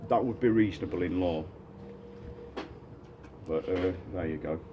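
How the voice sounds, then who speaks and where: A man's voice: deep voice, normal speed. Blunt man on a noisy street. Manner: blunt, argumentative, sarcastic. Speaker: eviction resister. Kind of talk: tense confrontational street exchange. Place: outdoors at a house during an eviction. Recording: distant, muffled, very noisy street audio.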